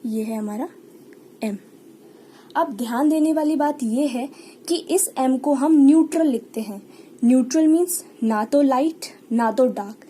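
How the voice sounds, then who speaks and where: High-voiced Indian woman teaching patiently. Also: normal speed, warm tone, a little hiss or hum. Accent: Indian English. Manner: patient, repeats key words and example sounds. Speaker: shorthand teacher. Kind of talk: online lesson explaining step by step.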